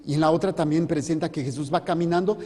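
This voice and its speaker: A priest preaching a sermon in a church, joking and putting questions to the congregation. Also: male voice, fairly high pitch, steady tone, fast talker, dark tone. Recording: reverberant hall.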